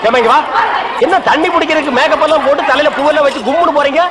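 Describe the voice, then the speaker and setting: A man's voice: very high voice, very fast. A man acting in a film comedy scene, bossing others around with sarcasm. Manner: bossy, sarcastic talk. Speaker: comic actor in a film scene. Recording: crowd and street noise behind.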